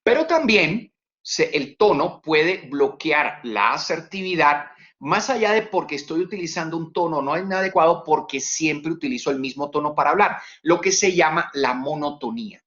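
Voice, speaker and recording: A man giving a webinar lecture on communication, talking in an animated way that swings his voice high and low to demonstrate tone and repeats words for emphasis. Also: normal speed, muffled recording. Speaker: communication trainer.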